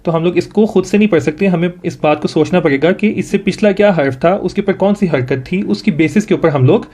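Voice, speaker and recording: A man's voice: high voice, warm tone. Patient Pakistani man tutoring Quran reading. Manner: patient, repeats each sound slowly for the student to echo. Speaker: Quran recitation teacher.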